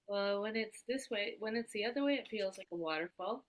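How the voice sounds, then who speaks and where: A woman in an art therapy session, her voice mid-range, describes her feelings haltingly while searching for words.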